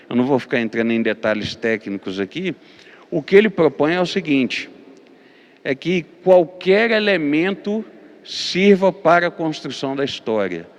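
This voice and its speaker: Speaking Brazilian Portuguese with a Minas Gerais accent, this pastor teaches in a lecture style, his clean mid-range voice carrying a long reverb tail with the highs cut off. He stumbles over fillers and repeats words before hammering his points with forceful lists.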